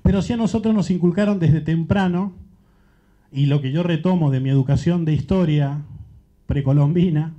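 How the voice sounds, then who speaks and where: A man's voice: on the high side, normal speed, dark tone. A man from Central America speaking as a panelist, thinking aloud in an earnest, searching way. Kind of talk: reflective panel talk. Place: panel event. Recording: dull muffled event recording.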